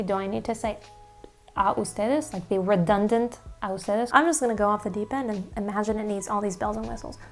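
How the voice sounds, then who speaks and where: A woman whose first language is English, vlogging casually in a language she is learning and often stopping to correct her own grammar. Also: a little high. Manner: self-correcting, thinks aloud about grammar; chatty with frequent laughs. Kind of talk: casual rambling monologue.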